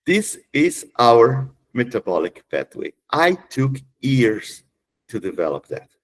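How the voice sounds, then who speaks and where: A man's voice: mid-range voice, big pitch swings, takes it slowly, poor audio. A middle-aged man, a geneticist, giving a webinar lecture, explaining step by step and often checking with "okay?". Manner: counts aloud with the audience.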